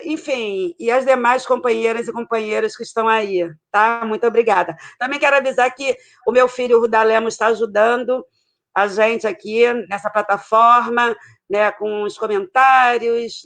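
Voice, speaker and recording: A woman's voice: on the high side, steady tone, unhurried. A woman hosting an online debate, thanking attendees by name and handing over to the next speaker. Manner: warm thanks, reads out names of guests. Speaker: debate moderator. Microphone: video call.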